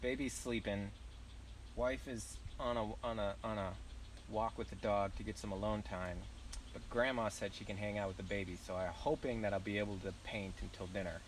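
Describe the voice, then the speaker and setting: Distant and a bit noisy, this rough recording captures a young man from the American South chatting loosely on a live stream at an outdoor campground. He speaks at normal speed in a fairly low, steady voice, wandering between thoughts and swearing casually in his Southern accent.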